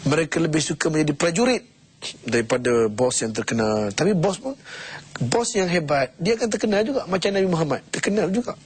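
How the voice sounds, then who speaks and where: A middle-aged man giving a motivational sermon, talking in a lively, conversational way that swings up and down. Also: a little high, a little fast. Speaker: preacher.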